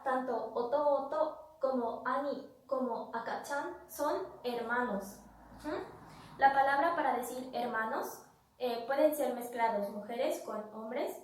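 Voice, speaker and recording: Patient female language teacher, repeats each term; bright-ish voice, echoey room, mic at a distance. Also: high voice, takes it slowly, a little hiss or hum. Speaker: Japanese teacher. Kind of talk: vocabulary lesson.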